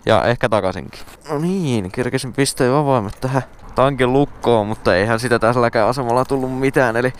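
A man's voice: medium pitch, smooth. A young Finnish man chatting casually while riding a motorbike, easygoing with dry humor, recorded outdoors on a ride-along camera mic. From Finland. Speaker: motorcycle vlogger. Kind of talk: casual on-the-road commentary. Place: outdoors riding a small motorbike on open roads. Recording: loud engine and wind noise outdoors. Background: motorcycle engine and road noise.

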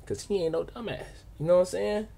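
In a small indoor home studio lined with acoustic foam panels, a man in his twenties with an American accent hosts a reaction video, talking to the camera. His voice sits high and sounds brisk and creaky. He's animated, slangy, and emphatic, dropping "bro" and "you know what I'm saying" throughout.

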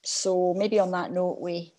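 A woman's voice: lowish voice, level tone, unhurried. A woman hosting an online talk over a video call, thanking and questioning her guest with many fillers. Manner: warm, appreciative, with fillers. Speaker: host.

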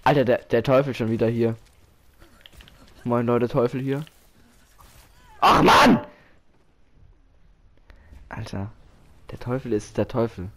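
A man commentating his own match while playing, excitable, often exclaiming and laughing. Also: medium pitch, moderate pace, pauses often. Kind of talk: casual gaming commentary.

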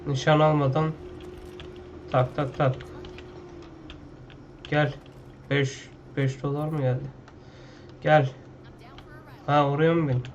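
A man's voice: a little high, a little mellow, highs cut off, slight background noise. A man playing a video game at his computer, talking loosely and with slang, half to himself, in casual gameplay commentary. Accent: Turkish. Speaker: gaming YouTuber.

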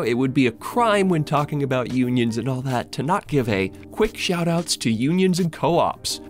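A young American video essayist and host delivers casual but scripted political commentary, opinionated, sardonic and informal. His voice is on the high side with a darkish tone.

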